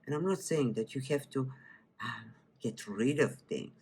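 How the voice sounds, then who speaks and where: A woman from Bulgaria with a Bulgarian accent, a wellness teacher leading a guided breathing meditation and then a cooking demo, speaking softly and often trailing into whispers. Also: extremely low pitch, lively intonation, breathy edge. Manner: slow, soft-spoken, drifting into whispers.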